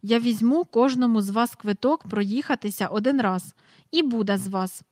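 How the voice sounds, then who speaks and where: A woman's voice: a little high, normal speed, no echo, studio quality, natural voice. A woman voicing a stern, proud nanny who speaks curtly and sharply. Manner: curt, sharp, haughty.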